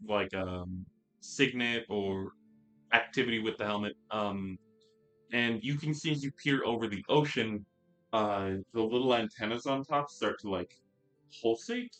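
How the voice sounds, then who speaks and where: A man narrating as game master for a tabletop game, relaxed and descriptive with frequent fillers. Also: on the low side, measured pace, faint music behind, poor audio. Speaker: dungeon master.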